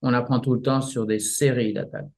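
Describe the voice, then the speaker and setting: A man explaining martial arts practice in a relaxed interview, often restarting his sentences and using images. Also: mid-range voice, a little fast, vocal fry. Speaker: martial arts teacher, guest.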